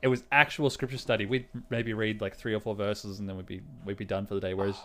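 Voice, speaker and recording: A man's voice: lowish voice, little pitch movement, fast talker, fairly bright tone. A man co-hosting a podcast, chatting casually, rambling and swearing, often laughing. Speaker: podcast co-host. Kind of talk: casual chat.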